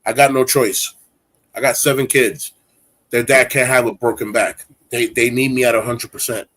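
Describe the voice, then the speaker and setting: A man's voice: medium pitch, steady tone, normal speed, a bit bright. A man in his forties hosting a casual chat, talking in a rambling, candid, streetwise way. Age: 40s. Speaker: host.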